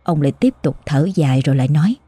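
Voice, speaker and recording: A woman narrating a horror story in an emotive, dramatic manner, over soft background music. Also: deep voice, animated, quick pace, slightly rough, no room sound.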